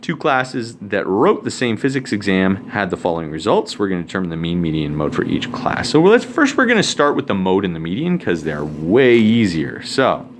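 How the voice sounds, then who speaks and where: In this recorded lesson, the male math teacher's low voice swings up and down in a sing-song pattern, moving at a moderate pace with hardly any pauses. He writes as he goes and drops casual jokes along the way. A faint hum of room ambience lingers behind him.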